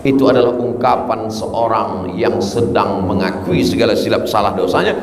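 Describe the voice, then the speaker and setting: A man giving an Islamic sermon, animated and joking, chanting verses between plain talk. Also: fairly low pitch, moderate pace. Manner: animated, chants Arabic verses, jokes with the crowd. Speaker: Islamic preacher. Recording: echoey hall with long reverb.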